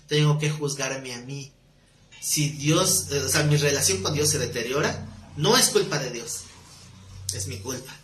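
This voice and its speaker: A man's voice: fairly high pitch, fairly bright tone, a little hiss or hum. A man preaching a live sermon, speaking conversationally with rhetorical questions and light jokes. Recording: roomy live-stream audio.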